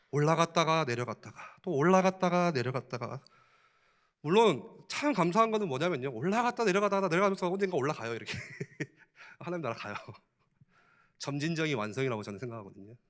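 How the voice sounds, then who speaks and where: Korean church pastor guy, high voice, lots of questions, chuckles a bunch, preaching. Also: a bit bright. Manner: conversational preaching with rhetorical questions; chuckles often while preaching. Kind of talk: sermon.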